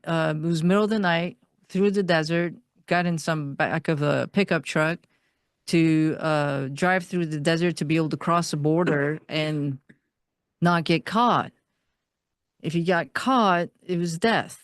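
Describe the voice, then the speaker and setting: A woman from Iran, a guest on an interview podcast, telling her life story in an earnest, steady way. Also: deep voice, measured pace, dry recording, studio quality.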